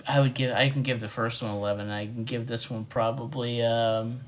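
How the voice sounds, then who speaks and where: A man's voice: medium pitch, little pitch movement, brisk. A man co-hosting a film review, talking in casual, hesitant chat with lots of filler words.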